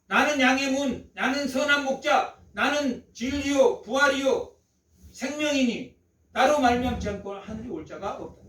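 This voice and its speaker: A man's voice: extremely high pitch, a bit bright. A man preaching a Sunday sermon as pastor, repeating phrases for emphasis and asking the congregation rhetorical questions. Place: church sanctuary. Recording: echoey church hall, mic at a distance.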